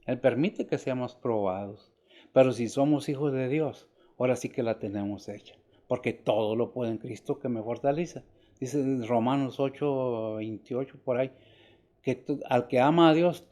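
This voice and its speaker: An older man preaching a sermon, asking rhetorical questions and swinging from emphatic rises to quiet drops. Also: medium pitch. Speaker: pastor.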